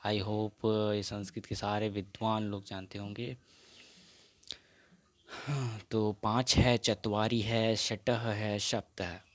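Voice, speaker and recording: Slow-speaking male quiz teacher. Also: lowish voice, flat delivery, no echo. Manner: reads out quiz questions and options slowly, mixing in English. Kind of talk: exam practice lesson.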